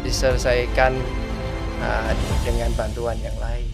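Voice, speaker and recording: Over loud music, a Vietnamese-accented man from Vietnam, a religious brother studying theology, talks as a guest in a casual podcast interview. His medium-pitched voice is creaky and level, and his pace is measured. He frequently hunts for words in a non-native language.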